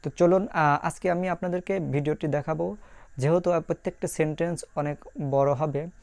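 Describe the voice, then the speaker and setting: A man teaching an online language lesson, repeating each phrase slowly with frequent "ah" fillers. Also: a little high, steady tone, gravelly, darkish tone, no echo.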